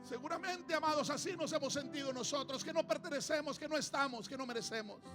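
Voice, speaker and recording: A man preaching a sermon to his congregation in church, calling them "amados" and swinging between hushed passages and shouted ones. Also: extremely high pitch, fast, music in the background. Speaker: pastor.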